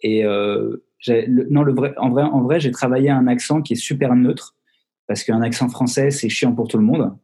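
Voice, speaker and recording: Man, actor, video call interview, joking tone, mellow, slightly husky. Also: medium pitch, normal speed. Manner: jokey, teasing with mock-serious tall tales. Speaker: actor guest.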